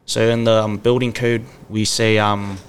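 A man's voice: lowish voice, level tone, normal speed, slight background noise. A man in his twenties from Samoa, a podcast guest chatting in a laid-back, easygoing way. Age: 20s. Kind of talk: casual chat.

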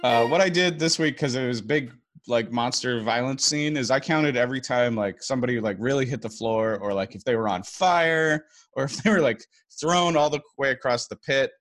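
Male host, mid-pitched voice, casual chat, informal TV recap. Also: moderate pace, a bit bright, faint music behind. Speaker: podcast host.

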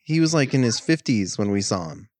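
A man of middle pitch chats easily, nodding along with quick "yeah"s and telling a story with a laugh in it. His voice is plain and everyday. The recording is dry, with no room sound. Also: very animated, a little mellow, no echo. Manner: easygoing storyteller, quick affirmations, laughs while telling stories. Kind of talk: casual conversation.

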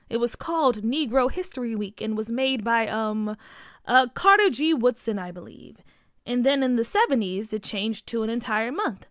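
A woman's voice: fairly high pitch, fairly bright tone, no echo, clean studio sound. A woman voicing a hesitant schoolteacher who stumbles over fillers and grows impatient, in a storybook reading.

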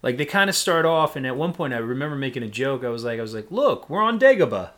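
A man's voice: medium pitch, quick pace, fairly bright tone. A man co-hosting a podcast, chatting casually about movies with lots of fillers and laughs. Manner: rambling, laughing, frequent fillers. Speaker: podcast co-host.

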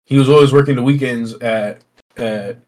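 A young man co-hosting a podcast, chatting casually with friends in loud, matey, sweary banter. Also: medium pitch, moderate pace. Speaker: podcast co-host. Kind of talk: casual chat among friends.

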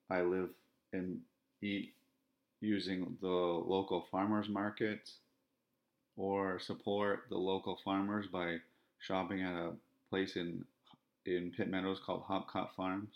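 This podcast host from Ontario speaks solo in a low voice over lo-fi sound. He describes himself as monotone, and his speech stays flat, measured and repetitive.

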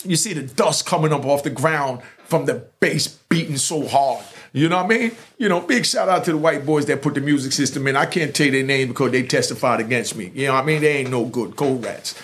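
A storyteller host from New York rambles through a long street story in casual conversation, full of fillers and restarts. His medium-pitched voice is a bit bright, and he talks fairly quickly with hardly any pauses.

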